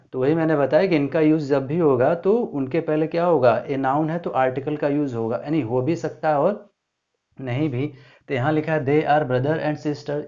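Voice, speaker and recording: A man teaching English grammar for an entrance exam, reading example sentences slowly, asking the class rhetorical questions and checking in often. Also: mid-range voice, darkish tone. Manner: asks rhetorical questions of the students; repeats "ठीक है" as a check-in. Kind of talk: exam-prep grammar lesson. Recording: dull lo-fi sound.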